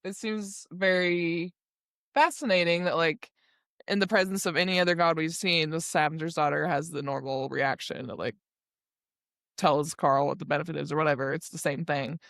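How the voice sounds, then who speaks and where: A woman's voice: sits low, steady tone, moderate pace, creaky, a bit bright, no echo, studio quality. A woman co-hosting a podcast, chatting casually about a book; she rambles, laughs often and swears freely. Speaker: podcast co-host. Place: recording studio.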